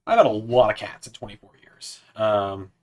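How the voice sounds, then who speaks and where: A man's voice: on the low side, expressive, moderate pace. Chatty young man in his twenties. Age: 20s. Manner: chatty, talks to his cat in a coaxing sing-song. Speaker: streamer. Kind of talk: casual livestream chat.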